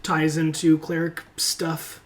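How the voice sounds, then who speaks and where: A player with a medium-pitched voice chatting casually during a tabletop role-playing game. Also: monotone, slow.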